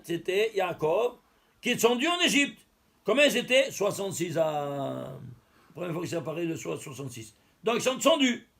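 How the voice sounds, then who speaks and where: High-voiced man teaching a religious lesson. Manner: explains step by step, asks and answers his own questions; counts out letters and numbers aloud.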